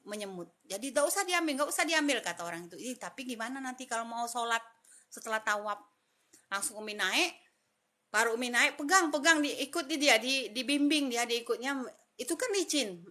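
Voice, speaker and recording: A middle-aged woman with an Indonesian accent telling a personal story and acting out the voices in it. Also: on the high side. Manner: lively, acts out the voices in her story. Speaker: storyteller recounting her pilgrimage.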